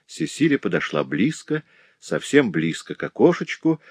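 A man's voice: lowish voice, no room sound. A man reading a novel aloud as an audiobook narrator, with dramatic delivery. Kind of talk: scripted narration.

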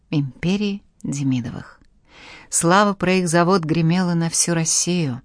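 A woman reading a historical novel aloud as an audiobook narrator, with steady, even storytelling. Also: sits low, dry recording, studio quality. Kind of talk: scripted narration.

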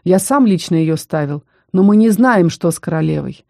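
A narrator plays a stern young male mage in an audiobook, a cold, clipped speaker who keeps a protective edge under a mellow, soft-toned voice. The recording is close and dry. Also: mid-range voice, lively intonation, vocal fry, no room sound. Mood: somber. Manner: cold, firm, measured. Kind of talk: audiobook character reading.

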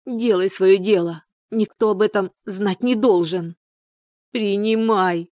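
A woman's voice: medium pitch, slow, a little mellow, no echo, studio quality, close to an everyday voice. A woman voicing an exhausted, bitter peasant woman in labor who moans and speaks harshly. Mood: screaming strained. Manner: moaning, harsh, desperate.

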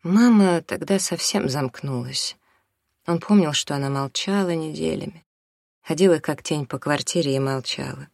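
A steady, measured audiobook narrator with a gravelly fry in the voice. The recording is close and dry. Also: medium pitch, dry recording.

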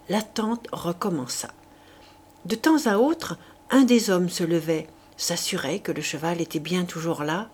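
A woman reading a classic novel aloud as an audiobook, measured and deliberate. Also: on the low side, husky. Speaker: audiobook reader. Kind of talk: literary audiobook narration.

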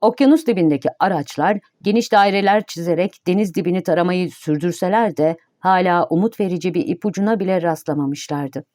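A woman narrating an audiobook in a steady, even reading voice. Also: fairly low pitch, a little fast, few pauses, dry recording, clean studio sound.

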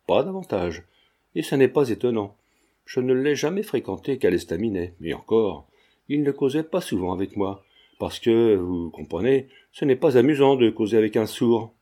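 A sly, affable old retired druggist who pretends to be deaf, read by a man. He talks in an ordinary pitch with a dark, mellow tone, like a character in a storybook. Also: animated, normal speed, close to an everyday voice. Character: genial old retired druggist, feigning deafness.

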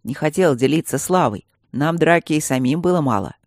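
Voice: mid-range voice, lively intonation, brisk, no echo, clean studio sound, lightly acted. An audiobook reader voicing a cheerful, teasing, protective adult male baron. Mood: exuberant.

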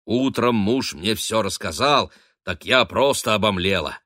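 A man's voice: lowish voice, animated, measured pace, bright, forceful tone, no echo, clean studio sound. A man voicing a gushing, teasing middle-aged lady of the house who fusses over her ward. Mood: excited gushing. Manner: effusive, fussy, teasing.

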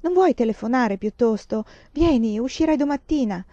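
A woman reading a novel voices a patient nun trying to calm a girl. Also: a little high, normal speed, no room sound, dull audio, pitched above the performer's own voice, close to an everyday voice. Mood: soothing. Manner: soothing.

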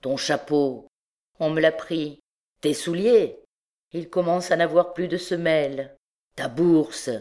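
A woman's voice: sits low, takes it slowly, a little mellow. A woman voicing a frightened, destitute male poet in an audiobook, pleading and stammering. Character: frightened poor male poet facing hanging.

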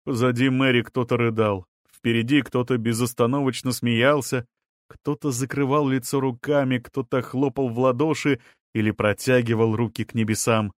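A man reading a novel aloud as an audiobook narrator, in a measured way that leans into the drama. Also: medium pitch, steady tone, no room sound, clean studio sound. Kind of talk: scripted narration.

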